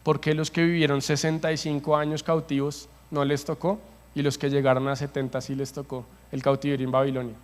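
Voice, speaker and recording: A man's voice: fairly high pitch, level tone, fairly quick. A man preaching a passionate sermon as pastor, repeating phrases for emphasis. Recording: long hall reverb.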